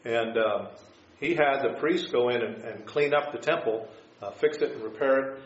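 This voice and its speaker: A man teaching an informal Bible class, explaining scripture and history in a halting, tentative way. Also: mid-range voice. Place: echoing room, teaching a class. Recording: echoey room, dull sound, faint noise.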